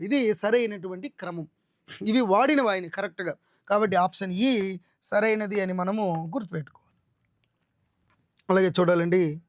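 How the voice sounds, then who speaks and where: High-voiced male Telugu exam tutor. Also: a bit bright, no echo, clean studio sound. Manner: lists terms slowly and repeats answers; addresses students directly, checking options. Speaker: Telugu literature teacher. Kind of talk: exam-prep lecture.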